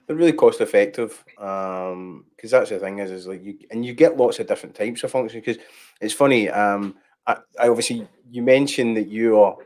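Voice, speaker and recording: A man's voice: on the low side, a little mellow. Easygoing man hosting. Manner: easygoing, lots of filler sounds. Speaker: host. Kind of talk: casual livestream chat.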